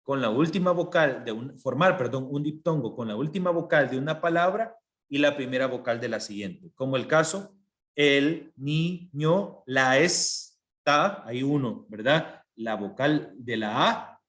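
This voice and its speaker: A man's voice: mid-range voice, animated, moderate pace. A male teacher giving an online language lesson, explaining step by step and often checking that his students follow. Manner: patient, explains step by step with frequent checks for understanding. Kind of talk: online class lecture.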